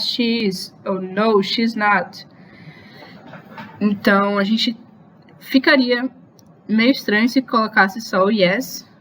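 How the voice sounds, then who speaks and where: A woman of medium pitch teaches an online grammar lesson in a patient, unhurried way. She spells out example phrases slowly and keeps checking whether her listeners are following. A faint background hum sits under her voice. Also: fairly bright tone, low-quality recording. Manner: slow, patient explanations with frequent checks for questions. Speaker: English teacher.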